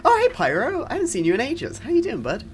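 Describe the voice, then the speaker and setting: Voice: high voice, huge pitch swings, quick pace, soft background music. A game streamer chatting and joking casually while playing, reacting as it goes.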